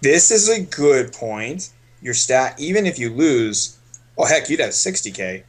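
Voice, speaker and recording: A man coaching poker on a casual stream, thinking aloud in a relaxed way as he explains each hand. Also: mid-range voice, unhurried.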